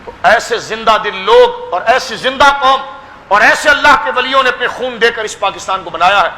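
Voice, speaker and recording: High, bright impassioned Pakistani preacher man. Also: long reverb tail. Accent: Pakistani Urdu. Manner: impassioned, exhorting, addresses listeners as children. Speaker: pir giving a religious speech. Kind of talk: fervent sermon at a gathering.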